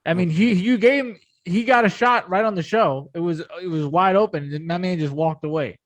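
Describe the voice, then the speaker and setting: A man's voice: sits high, a little fast, no room sound. A man co-hosting a podcast, trading teasing, wry banter in casual chat. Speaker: podcast co-host.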